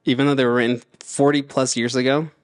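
A man co-hosting a laid-back movie podcast, with a voice in the middle range. His delivery is relaxed and thoughtful, and he often trails off mid-sentence. The sound is dry and close, with no room around it. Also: mid-range voice, quick pace, no echo. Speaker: podcast co-host. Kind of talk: casual chat.

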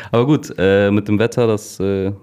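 A man's voice: fairly low pitch, fairly even intonation, unhurried, a little mellow, smooth. A young man co-hosting a casual podcast, easygoing and rambling, laughing often. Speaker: podcast co-host. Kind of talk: casual chat.

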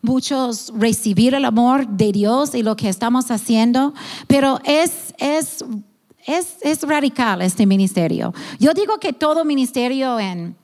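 A woman leading a children's ministry speaks with heartfelt passion, often stopping to search for the right word and restarting her sentences. Her voice sits high, and it rings out with a long reverb, as if recorded in a big hall. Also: measured pace, a little mellow. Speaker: ministry leader of a children's home. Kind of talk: earnest testimony about a church ministry.

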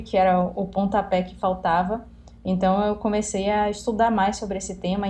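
A woman's voice: medium pitch, dark tone. A woman, earnestly telling her story as an interview guest. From Salvador, Bahia, Brazil. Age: 20s. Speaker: guest, young scientist. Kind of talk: interview answer.

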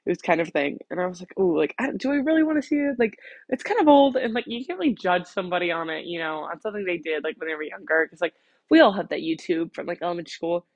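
A teenage American girl chats casually on her podcast with a slight lisp from her retainers. Her voice is husky with plenty of vocal fry, captured close and dry. She rambles in a giggly, self-conscious way, leaning on "like" constantly. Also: lowish voice, expressive, fast talker, dry recording, muffled recording. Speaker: podcast host. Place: in bed at home.

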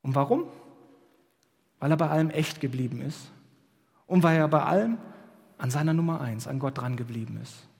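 A man's voice: fairly high pitch, moderate pace, vocal fry, pauses often. Casual preacher man in a reverberant hall. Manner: conversational, lively preaching with casual asides. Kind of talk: sermon. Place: church service.

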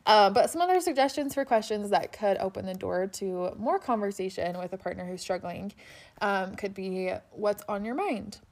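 Woman podcasting from under a blanket fort, chatty, laughs a lot, close mic. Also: medium pitch. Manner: chatty, quick to laugh, filler-heavy. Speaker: podcast co-host. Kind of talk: casual chat.

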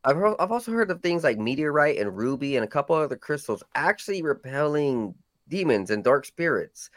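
A man's voice: on the high side, sing-song, fairly quick, fairly bright tone, no echo. A man hosting a livestream, chatting casually over a video call whose audio glitches and cuts out. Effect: glitching, cutting-out call audio. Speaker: livestream host.

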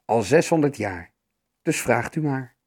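A man's voice: mid-range voice, expressive, unhurried, darkish tone. A man doing a fretful wise old troll. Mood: kindly. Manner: friendly, fretting with moans.

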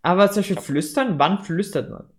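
A man's voice: high-pitched, brisk. A young man chatting candidly and casually with a friend. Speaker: co-host. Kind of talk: casual chat.

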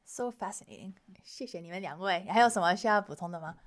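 Woman host, curious interviewer tossing in English words, slightly low voice. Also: fast talker. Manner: code-switches with English words. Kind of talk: interview questions.

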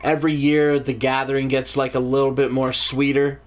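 A young man hosting a casual livestream talk show, relaxed and joking, swearing freely with many fillers. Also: mid-range voice, moderate pace. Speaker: show host.

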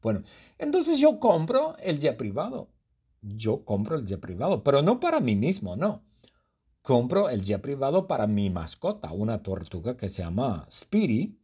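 A man's voice: medium pitch, wildly swooping pitch, moderate pace, warm tone, slightly rough. Man playing a bumbling, indignant storybook guy. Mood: playful. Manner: first-person storytelling, exaggerated indignation.

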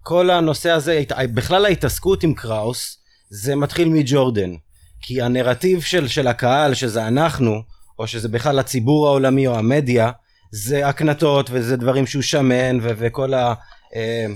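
A man co-hosting a sports podcast, talking in a reflective, halting way with many fillers. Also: medium pitch, darkish tone. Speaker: podcast co-host. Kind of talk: casual sports talk.

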